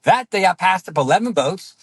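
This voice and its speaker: A self-assured man giving opinions bluntly as an interview guest, often checking his points with a quick tag question. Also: high voice, animated, gravelly, breathy edge, dry recording. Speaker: interview guest, boat owner.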